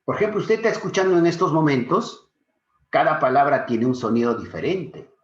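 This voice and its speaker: A man's voice: fairly high pitch, brisk. A man teaching a secondary school literature class online. He keeps asking his students questions and calls them his dear students. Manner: animated, questions students often, affectionate teacherly asides. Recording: echoey room, dull lo-fi sound.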